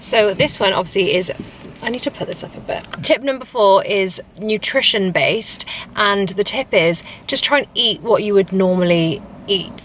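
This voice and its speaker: Hungover, weary British female vlogger, informal and chatty, mid-pitched voice, mic a little far off. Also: moderate pace, a bit bright. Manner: hungover, tired. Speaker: vlogger, host. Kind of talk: casual vlog chat. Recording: distant mic, faint background noise.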